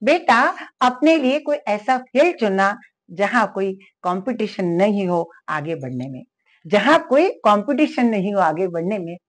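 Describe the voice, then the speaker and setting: A woman's voice: mid-range voice, expressive, measured pace. A coaxing loving mother, as an older woman puts her on. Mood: tender. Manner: tender, coaxing.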